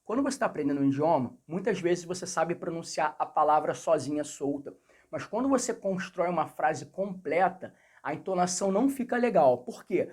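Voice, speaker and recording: A man's voice: on the high side, expressive, a little fast, darkish tone, husky. Chatty Rio-accented man teaching English. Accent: Rio de Janeiro Portuguese. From Brazil. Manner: chatty, repeats phrases, addresses viewers directly. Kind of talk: casual video lesson.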